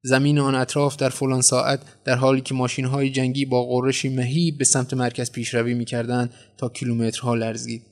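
A man narrating a translated short story in a measured, dramatic storytelling manner. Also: medium pitch, level tone.

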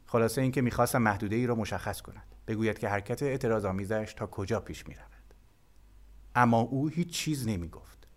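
A man reading a translated novel aloud as an audiobook narrator, calm and measured. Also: on the low side.

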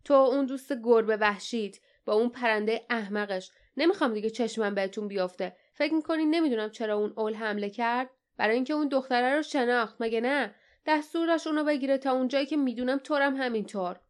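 A woman's voice: on the high side, natural voice. A greedy river captain snarls at the young travellers in a storybook reading, acted by a woman. The voice sits raised above the reader's own and spits out contempt. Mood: angry. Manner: snarling, scornful.

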